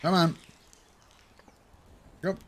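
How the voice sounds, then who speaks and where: A man's voice: extremely slow, fairly bright tone. A young adult man giving playful let's play commentary, taunting the animals in his game. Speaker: gaming video host.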